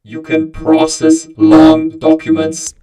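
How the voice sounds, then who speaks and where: A man putting on a booming, slow robot announcer voice with a metallic robot effect. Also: completely flat delivery, loud music behind the voice. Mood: announcing. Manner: loud, slow, drawn-out announcing.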